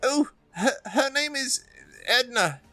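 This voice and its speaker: A man voicing a dying, wounded civilian in a tabletop game, pleading desperately in halting, tearful gasps. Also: very high-pitched, lively intonation, pushed and bright, dry recording, soft background music, voice pushed up, full character voice. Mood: tearful, weak.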